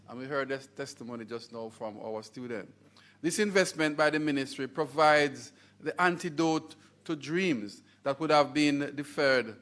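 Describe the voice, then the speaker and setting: A man's voice: mid-range voice, fairly bright tone. Jamaican man giving an emphatic speech. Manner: emphatic oratory with stressed words and pauses. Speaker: university college head speaking at a scholarship launch. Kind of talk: formal ceremonial speech.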